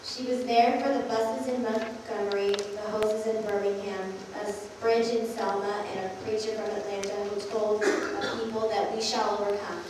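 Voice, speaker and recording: At a prayer service in a large indoor church, a young woman from the youth group delivers a read-aloud political speech. Her medium-pitched voice stays level, moving at a moderate pace with few pauses. She sounds far off in the reverberant hall, with faint background noise.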